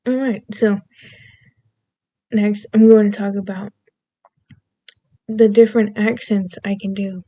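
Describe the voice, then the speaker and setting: Casting: American woman with a faint Southern lilt, a chatty vlog rambler with a mellow, fairly even delivery. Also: medium pitch, takes it slowly, long pauses, highs cut off. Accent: American with a slight Southern lilt. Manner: meandering, self-interrupting, goofy. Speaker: vlogger. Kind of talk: casual rambling monologue.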